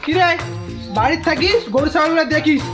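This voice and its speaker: A man playing a sly young son-in-law in a Rajbanshi comedy sketch, talking with a Rajbanshi accent in an excited, defensive way. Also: very high voice, fairly quick. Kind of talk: village comedy sketch acting. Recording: background music.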